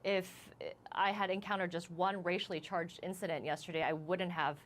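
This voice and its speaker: A woman reporter on a live news interview, shaken and halting as she recounts what happened, restarting her sentences often. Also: lowish voice, fairly even intonation, a little hiss or hum.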